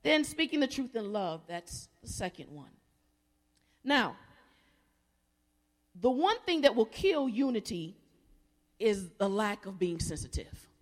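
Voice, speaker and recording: A woman's voice: medium pitch, unhurried, long pauses. A woman preaching a sermon, leading the congregation in call-and-response and acting out the people in her stories. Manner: animated storytelling, acts out quoted voices. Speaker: guest preacher. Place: large worship hall. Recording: echoey hall.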